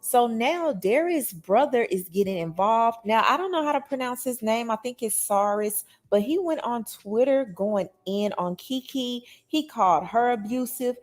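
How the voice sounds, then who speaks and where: A woman's voice: a little high, animated, unhurried, hardly any pauses. A woman presenting a casual gossip news recap, explaining things conversationally to her viewers.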